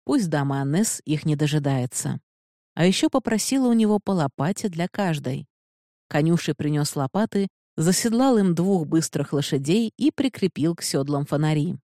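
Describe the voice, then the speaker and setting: Audiobook narrator: woman, low mellow voice, measured delivery, dry close sound. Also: expressive, dry recording. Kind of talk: scripted narration.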